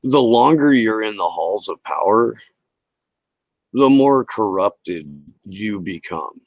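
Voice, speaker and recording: Talking slowly but animatedly, a livestream host with a low-pitched voice vents about politics to a live chat, casual, emphatic and full of swearing. He comes through close headset-style audio. The audio is poor, with no room sound.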